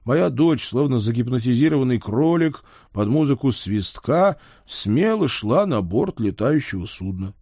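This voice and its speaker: Mellow, wry male audiobook narrator. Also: mid-range voice, normal speed, hardly any pauses, dry recording, clean studio sound. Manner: wry, lively storytelling. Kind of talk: first-person audiobook narration.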